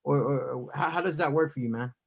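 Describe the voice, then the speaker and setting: A man's voice: a little high, fast talker, vocal fry, husky. A man co-hosting a casual sports chat in a conversational, opinionated way. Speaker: co-host.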